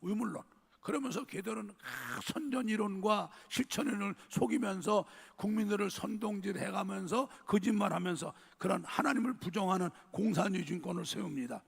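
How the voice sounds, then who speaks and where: An older male pastor delivers an emphatic sermon and keeps turning to address his congregation. His voice is pitched high, husky and raspy, with a strongly gravelly edge. It carries through a church sanctuary with a long, lingering reverb. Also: a little fast.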